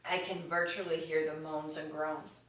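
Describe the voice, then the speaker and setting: A woman leading a yoga exercise class with slow counted cues, upbeat and encouraging, with the hiccups. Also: sits low, little pitch movement, a bit bright. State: has the hiccups. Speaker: yoga instructor. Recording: echoey room, voice from a distance.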